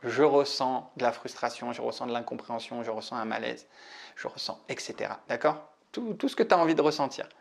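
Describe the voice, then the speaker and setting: A man's voice: medium pitch, a little fast, vocal fry. A young man teaching in a casual, chatty way, talking straight to the listener with fillers and restarts. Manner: chatty, animated, addresses listener directly with many fillers and restarts. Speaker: public speaking coach. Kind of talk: casual teaching monologue to camera.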